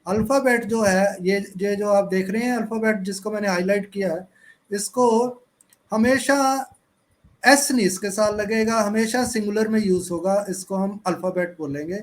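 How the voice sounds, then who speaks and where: A man teaching English in an online class, speaking slowly and spelling out words letter by letter. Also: high-pitched. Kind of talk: online class lecture mixing Hindi and English.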